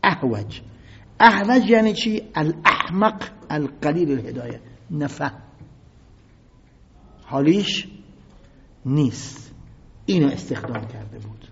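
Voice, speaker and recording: A male preacher with a high, very lively voice and a husky edge. He reads old quotes slowly and then explains them with dramatic bursts. The sound is muffled and lo-fi, with a long reverb from a large hall. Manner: dramatic, rising to loud outbursts. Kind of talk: sermon.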